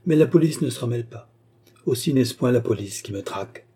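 A man's voice: medium pitch, lively intonation, fairly quick, mellow, slightly rough. A man reading a storybook and voicing a composed, secretive young courtesan woman with a firm manner. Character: cool-headed resolute young courtesan woman.

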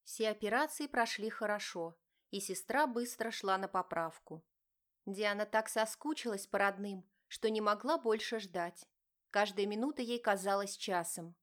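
A woman narrating a romance novel as an audiobook, in an even, measured reading. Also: medium pitch. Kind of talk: scripted narration.

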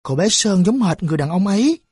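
A woman narrating an audiobook in a measured, storytelling way. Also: mid-range voice, expressive, darkish tone, slightly rough, no room sound, clean studio sound. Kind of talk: scripted narration.

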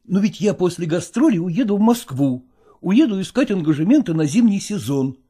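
A man's voice: high voice, big pitch swings, moderate pace, dark tone, breathy edge, exaggerated voice. A man voicing a weary middle-aged touring actor in an audiobook drama, coaxing and patronizing. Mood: persuading.

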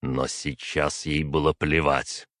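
A man reading a fantasy story as narrator in a steady, even storytelling manner. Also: very deep voice, slow, no echo, studio quality. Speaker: audiobook narrator.

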